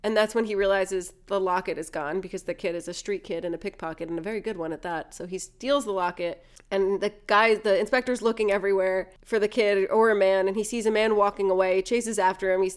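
A woman's voice: medium pitch, steady tone, fairly quick, clear, resonant tone. A woman in casual chat, animatedly retelling a film plot, acting out the characters' lines and swearing now and then. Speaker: podcast host retelling a film.

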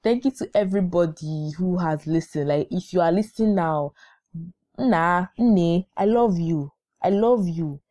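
A woman's voice: low-pitched, warm tone, no echo. A young woman with a Nigerian accent hosting a casual solo podcast, chatty and emphatic, repeating phrases for effect. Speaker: podcast host.

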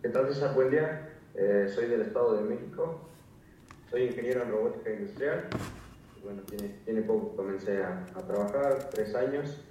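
A man in his twenties quietly introducing himself on a video call, a little hesitant. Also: on the low side, moderate pace, slight background noise. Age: 20s. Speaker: engineer, workshop participant. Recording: distant echoey video call audio.

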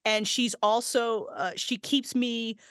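This guest, a forties-aged woman who co-creates a podcast, talks in a slightly high, slow, clear voice with a resonant tone. Her casual chat is profane and lively, punctuated by frequent laughter, captured in clean studio sound without echo.

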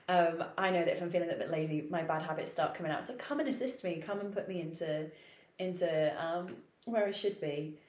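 Yoga studio manager, woman with a lowish voice, chatty and easy, roomy echo. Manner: chatty, laughs often, many fillers. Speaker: yoga studio manager judging teacher auditions. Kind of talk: casual podcast chat. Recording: roomy echoey recording.

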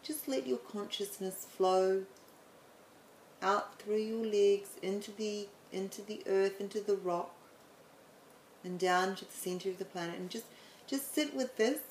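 A woman explaining the planets in a chatty way, then leading a guided meditation with slow, soothing instructions and some stumbles. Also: medium pitch, echoey room, a little hiss or hum, low-quality recording. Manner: chatty, apologetic, stumbles over words.

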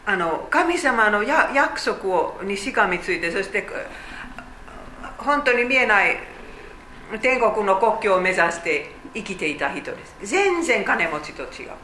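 A woman's voice: mid-range voice, lively intonation, measured pace, pushed and bright, reverberant, slight background noise, poor audio. A woman teaching a Bible study, explaining chattily with fillers and asides.

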